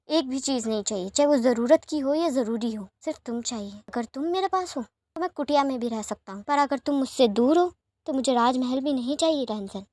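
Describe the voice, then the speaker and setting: Woman doing a lovestruck young prince in a fanfic audio story, insistent, high pitched, dry sound. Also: a little mellow, dry recording. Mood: passionate. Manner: tender, insistent, passionate. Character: ardent young prince, tender and stubbornly devoted.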